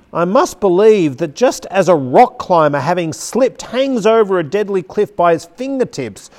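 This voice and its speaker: A man teaching a class on preaching, reading a passage aloud with strong emphasis and slowing down on key words. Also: high-pitched, darkish tone. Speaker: preaching instructor. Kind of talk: teaching talk with a dramatic read-aloud. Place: seated at a chair.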